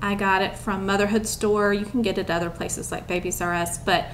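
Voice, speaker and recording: A woman's voice: mid-range voice, flat delivery, brisk, a little hiss or hum. A young woman chatting casually to camera at home, rambling with lots of ums and a bit out of breath. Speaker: vlogger.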